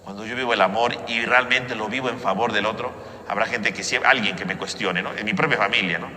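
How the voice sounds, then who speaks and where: Male priest preaching and praying; forceful, bright delivery, cathedral echo. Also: on the low side, fairly quick, slight background noise. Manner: rhetorical questions and frequent confirming tags. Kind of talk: homily and liturgical prayer. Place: large church, amplified. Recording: echoey church hall with long reverb.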